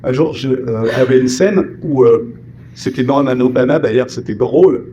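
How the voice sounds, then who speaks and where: A French voice actor and singer with family roots in Martinique is a guest in a casual interview, telling stories about dubbing and acting out the lines he quotes. His mid-range voice is warm at normal speed, with slight background noise.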